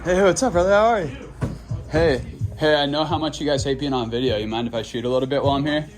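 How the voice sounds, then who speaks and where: A man's voice: on the high side, quick pace, music in the background. A man vlogging casually from his car on a road trip, chatty and laid-back, swearing now and then. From Boston. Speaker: sneaker vlogger. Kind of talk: casual vlog narration.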